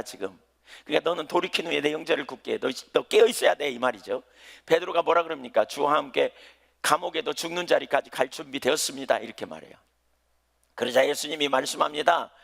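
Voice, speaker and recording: A middle-aged male pastor preaching a sermon, with emphatic repeated phrases that rise in pitch and drop to hushed asides. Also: gravelly.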